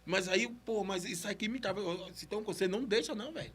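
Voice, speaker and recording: Fast and high-pitched, with a slightly rough edge, a male podcast host talks entrepreneurship. Brazilian-accented and stammering slightly, he urges listeners on in a casual, slang-heavy, motivational way, repeating himself as he goes.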